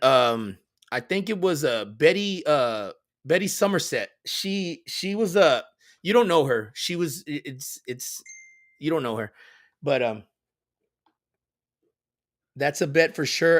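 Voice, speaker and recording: A man's voice: on the high side, a bit bright. A man streamer from San Antonio, Texas, rambling through absurd jokes in casual live stream chat with a straight delivery.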